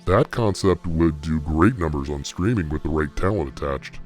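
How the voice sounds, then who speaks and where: Man with a disguised, pitched-down voice. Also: normal speed, a little mellow, soft background music. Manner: chatty, gossipy, speculative. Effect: voice altered to disguise identity, pitched down deep. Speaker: anonymous talent agency insider. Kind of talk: comedic mock interview.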